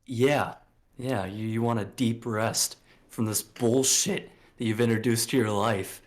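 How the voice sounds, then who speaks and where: A man's voice: lowish voice, steady tone, unhurried. A man in his late twenties co-hosting a podcast in casual chat, blunt and preachy, swearing freely, with lots of fillers. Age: late 20s. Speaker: podcast co-host.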